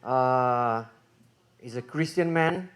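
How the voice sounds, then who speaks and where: Halting slow-talking moderator, a man. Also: mid-range voice. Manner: halting, many fillers, self-correcting. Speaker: conference moderator. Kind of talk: introducing a speaker.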